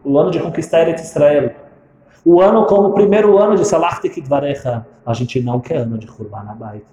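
A male preacher telling a religious story in a sermon, animated and switching into character voices. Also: fairly high pitch, fairly quick, highs cut off. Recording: echoey room.

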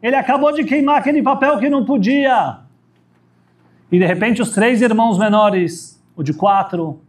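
A man giving a sermon as a rabbi, telling a story dramatically and swinging from high emphatic peaks to low, quiet phrase endings.

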